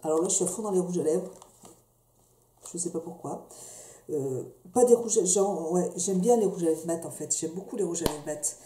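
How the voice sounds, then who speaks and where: Woman beauty vlogger, dark mellow voice, hesitant and chatty, echoey home room with faint hiss. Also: lowish voice, moderate pace. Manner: chatty, hesitant, many fillers and restarts. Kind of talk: casual product review.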